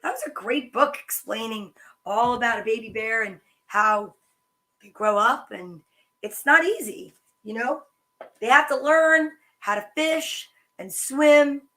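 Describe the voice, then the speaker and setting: At a children's story time, a woman with a fairly high pitch reads picture books aloud, animated and sing-song, with chatty remarks along the way.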